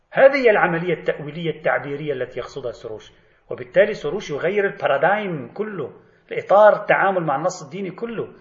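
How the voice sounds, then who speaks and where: Fast-talking guy giving a lecture, gravelly voice, roomy echo, kinda dull sound. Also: a little high. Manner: animated, voices imagined exchanges and asks rhetorical questions. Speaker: lecturer on religious thought. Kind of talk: spoken lecture. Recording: echoey, slightly dull lecture recording.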